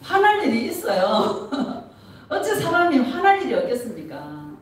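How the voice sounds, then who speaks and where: A middle-aged woman pastor preaching an animated sermon, laughing often and asking the congregation questions. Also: fairly high pitch, measured pace. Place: church sanctuary. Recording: echoey church from a distance.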